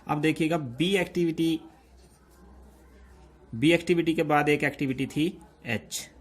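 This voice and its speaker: A man giving a step-by-step lesson, explaining slowly and checking in often with his listeners. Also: fairly high pitch. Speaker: teacher. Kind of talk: step-by-step lecture.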